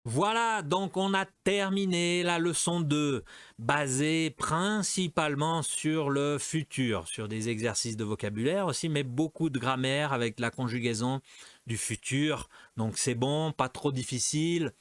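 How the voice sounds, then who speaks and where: Man explaining french lesson, slightly high voice, dry close sound. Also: no echo. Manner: repeats each example slowly several times; mixes French with quick Portuguese asides. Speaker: French teacher.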